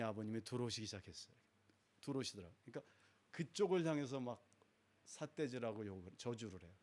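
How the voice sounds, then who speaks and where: Middle-aged male guest speaker, dramatic testimony style, plays the people in his story. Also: medium pitch. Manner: dramatic storyteller, acts out quoted voices. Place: church sanctuary.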